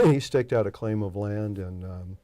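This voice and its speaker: A man in his sixties from Oklahoma, answering interview questions thoughtfully, pausing often with fillers. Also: on the low side, warm tone, dry recording. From Oklahoma, USA. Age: 60s. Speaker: interview guest.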